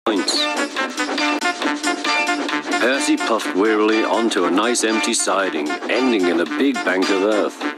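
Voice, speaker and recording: A man narrating a children's television story, with expressive storytelling that swings up at exciting moments. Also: lowish voice, a little slow, long pauses, rough recording. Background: loud background music.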